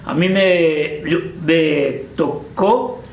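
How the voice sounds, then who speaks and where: Older man, Argentine accent, hesitant, full of fillers, high-pitched, roomy echo. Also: very slow, creaky. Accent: Argentine Spanish. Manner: hesitant, many fillers and restarts. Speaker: interviewee. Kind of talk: casual reminiscing interview.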